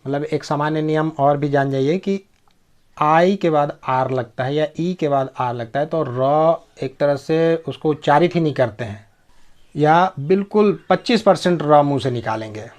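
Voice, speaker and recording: A man's voice: fairly high pitch, moderate pace, a little mellow. A man giving a pronunciation lesson, spelling words out letter by letter, repeating each word and checking that his listeners follow. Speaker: English pronunciation teacher.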